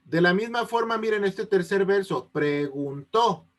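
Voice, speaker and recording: High-voiced patient male teacher. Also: moderate pace. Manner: patient, checks often that students understand. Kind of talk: online class explanation. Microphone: video call. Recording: unstable connection.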